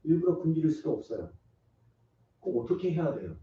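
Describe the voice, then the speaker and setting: Pastor preaching in an echoey church. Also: male voice, fairly high pitch, very animated, brisk. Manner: earnest, emphatic preaching with acted-out quotes. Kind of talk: sermon. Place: church sanctuary. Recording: echoey church hall from far off, dull sound.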